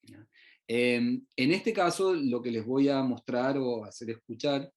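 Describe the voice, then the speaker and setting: A man's voice: medium pitch, measured pace. Hesitant Uruguayan-born man lecturing. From Uruguay, raised in Chile. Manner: hesitant, many fillers and restarts. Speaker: researcher presenting his work. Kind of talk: online presentation.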